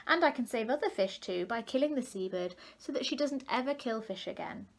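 Brave little male fish, steady and reassuring, in a storybook reading, as a woman puts him on, pitched a touch high. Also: brisk, vocal fry. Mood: determined.

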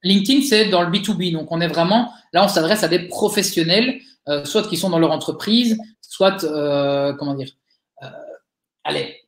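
A man's voice: a little high, moderate pace. A man with a Belgian accent from Liège, answering audience questions in a live webinar in a chatty, encouraging way with frequent hesitations. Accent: Liège Belgian French. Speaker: webinar speaker, digital agency owner. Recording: roomy webinar audio.

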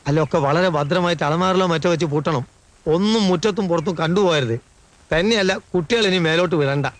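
A nervous servant who gossips with a lilt, played by a man. His voice sits high for a man, and he sounds fussy and anxious. The recording is dry, with no room sound. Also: fairly quick, no echo, lightly acted. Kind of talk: 1980s film acting.

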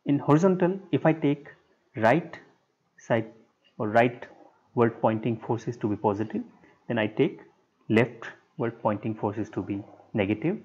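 A man giving a structural engineering lecture over a whiteboard screen recording, speaking in short, halting, measured phrases. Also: medium pitch, expressive, a little mellow, slightly rough. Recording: dull lo-fi sound.

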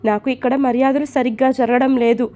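A mischievous young husband from a storybook, as a woman narrator plays him, talking in a playful, teasing way. The voice stays fairly high. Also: steady tone, fairly quick, dark tone, close to an everyday voice.

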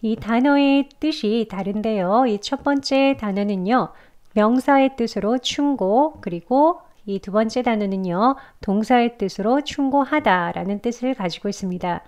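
A Korean-speaking woman teaching English pronunciation step by step, slowly repeating example words. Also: a little high, darkish tone, dull audio. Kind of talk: pronunciation lesson.

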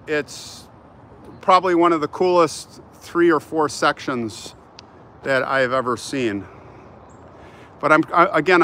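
Walking outdoors through a big open cemetery, an older American vlog host chats with live-stream viewers, jumping between topics. His voice is fairly high, pushed and bright, captured on a handheld phone at arm's length amid noisy city sound.

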